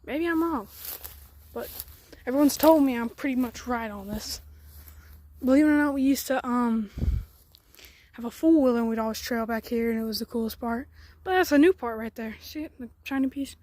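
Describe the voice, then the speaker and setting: A woman with a fairly high, slightly mellow voice speaks at a moderate pace with no echo. She hosts a garage channel and is doing a casual walkaround vlog outdoors in the woods beside an old truck, rambling chattily and sometimes dropping to near-whispers.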